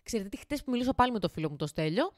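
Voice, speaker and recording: A woman's voice: on the high side, very animated, darkish tone, dry recording, clean studio sound. A woman in her twenties hosting a casual podcast from her home kitchen. She cooks while she talks, rambling, swearing casually and talking straight to her listeners. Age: 20s. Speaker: podcast host.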